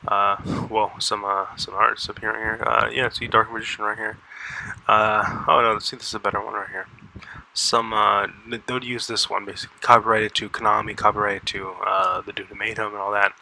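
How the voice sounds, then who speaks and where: Rambling man with a bright, forceful voice. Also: lowish voice, little pitch movement, gravelly, a little hiss or hum, poor audio. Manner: halting, many fillers and restarts. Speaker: YouTuber. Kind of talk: casual rambling commentary. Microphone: close desk mic.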